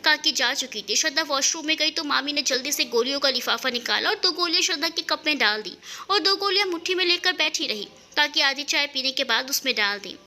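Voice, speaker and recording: Female story narrator, dramatic steady read, high-pitched and very bright. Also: brisk.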